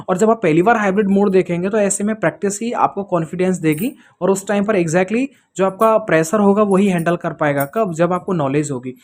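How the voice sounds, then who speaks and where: In a mid-range voice, an exam-prep presenter explains material to students informally and didactically, checking in with rhetorical questions.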